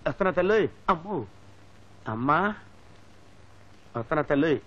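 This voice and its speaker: An actor playing a cheeky comic servant who yelps and teases in a slapstick film. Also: male voice, a little high, animated, normal speed, fairly bright tone. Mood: mischievous. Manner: cheeky, yelping, teasing. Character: cheeky young male servant, mischievous joker. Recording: dull lo-fi film soundtrack with music.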